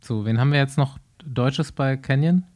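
Man, podcast co-host, relaxed casual chat, short asides, middle pitch. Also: normal speed. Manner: relaxed, chiming in with short remarks. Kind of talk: casual chat about cycling.

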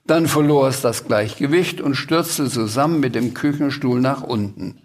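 A man, an author, reading his own children's book aloud at a live literature festival, as a lively, chatty storyteller with asides to the listeners. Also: mid-range voice, moderate pace.

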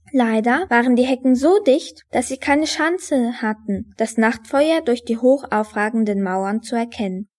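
A woman's voice: fairly high pitch, darkish tone. Woman narrating a children's book. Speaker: reader. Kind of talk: reading a book aloud.

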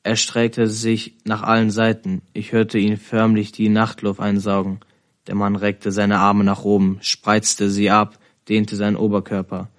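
A man reads a first-person novel aloud. His voice is low and stays in a narrow pitch range. He reads in a measured, steady way. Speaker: reader.

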